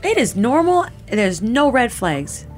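A woman's voice: fairly high pitch, sing-song, slow pace, darkish tone, soft background music. A Canadian woman in her thirties giving personal testimony in a casual, filler-heavy way, often quoting herself. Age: 30s. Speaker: interviewee.

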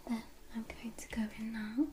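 A woman in a whispered role-play as a spa therapist, speaking in a soft, soothing, attentive whisper. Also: fairly high pitch, level tone, normal speed, noisy background.

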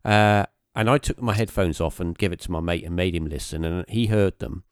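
A man's voice: sits low, a little fast, clean tone, no room sound, clean studio sound. A man, hosting a podcast and recounting a story casually, rambling with many fillers and restarts. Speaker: podcast host.

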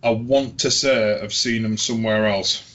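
A man's voice: fairly low pitch, fairly even intonation, moderate pace, fairly bright tone. Man from England, casual podcast chat, laid-back and sweary, dull lo-fi audio. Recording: dull lo-fi sound.

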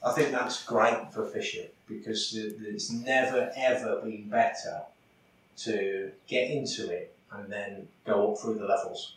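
A man's voice: fairly low pitch, steady tone, unhurried. A man chatting casually about fishing, full of fillers and restarts. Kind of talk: casual chat about angling. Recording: echoey, far from the mic, faint background noise.

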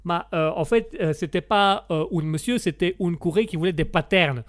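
A man puts on a chatty Italian man who makes pasta. He speaks in a thick put-on Italian accent with a smooth, slightly high voice, slow and halting, and leans on "ma" between phrases. The sound is close and dry. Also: dry recording, close to an everyday voice. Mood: rambling. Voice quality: slow and halting, fills gaps with "ma".

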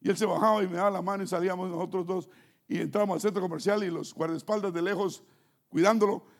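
A man preaching a sermon as an animated storyteller, dropping to hushed asides and rising to emphatic near-shouts. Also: high voice, fast talker, vocal fry. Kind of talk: sermon with personal testimony.

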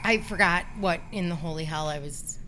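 Worn-out sick-sounding lady podcast host, low voice, blunt and sweary, some noise behind her. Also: normal speed, sharp tone. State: rough, under the weather. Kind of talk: casual chat. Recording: noticeable background noise.

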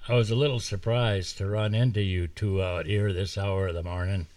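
A man's voice: deep voice, steady tone, normal speed, darkish tone, no room sound, close to an everyday voice. A man voicing a sly, folksy male game warden with a drawl, read aloud from a distant mic in a dry room. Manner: drawling, sly country talk.

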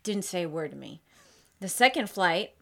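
A woman in her thirties with a slightly low voice, chatting as a podcast guest. She is sarcastic and self-deprecating, and she talks freely about her life. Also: sing-song, normal speed, vocal fry, a bit bright. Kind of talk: casual podcast chat.

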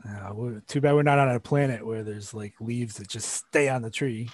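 A man's voice: mid-range voice, normal speed, dry recording. A man co-hosting a podcast in casual, joking banter, easygoing and fond of trading fan theories. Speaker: podcast co-host.

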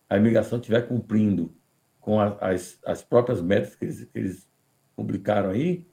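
A man with a Brazilian Portuguese accent answering immigration questions on a live podcast, measured and deliberate, often restarting words. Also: fairly low pitch, creaky, warm tone.

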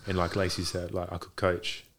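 Man, low-pitched, little pitch movement, hesitant, rambling, casual conversation. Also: monotone, brisk, fairly bright tone, slight background noise. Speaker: podcast guest, boxing coach. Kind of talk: casual chat. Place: home garage.

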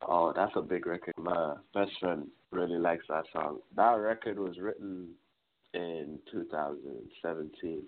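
A young man in his twenties from Trinidad and Tobago, talking casually as a musician guest in an interview, relaxed and rambling. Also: deep voice, unhurried. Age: 20s. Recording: tinny phone-like line.

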